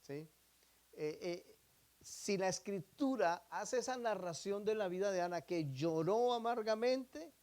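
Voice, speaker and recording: Male pastor, high voice, sermon delivery with rhetorical questions and sharp volume swings. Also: expressive, slow pace. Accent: Latin American Spanish. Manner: preaching with rhetorical questions to the congregation; swings between emphatic loud phrases and quiet drops.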